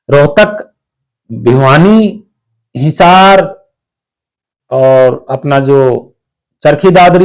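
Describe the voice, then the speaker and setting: A man giving a slow, explanatory spiritual discourse, often checking that listeners follow. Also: fairly high pitch, a little mellow. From Haryana, India. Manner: slow, explanatory, asks "ठीक है" to check understanding. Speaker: spiritual teacher.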